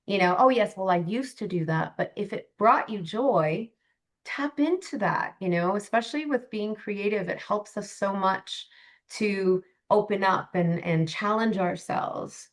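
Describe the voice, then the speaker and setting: A woman's voice: mid-range voice, measured pace. A woman from Canada, a life coach, speaking as a guest on an interview podcast in an earnest, reflective way with frequent fillers. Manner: reflective, earnest, many "you know" fillers.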